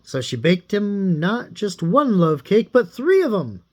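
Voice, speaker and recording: A man reading a fairy tale aloud in a playful, animated way. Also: sits high, measured pace. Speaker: storyteller.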